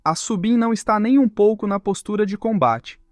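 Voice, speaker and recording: A man's voice: high-pitched, brisk, no echo, studio quality, soft background music, close to an everyday voice. Man voicing an earnest young hero. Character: startled, easygoing young male hero.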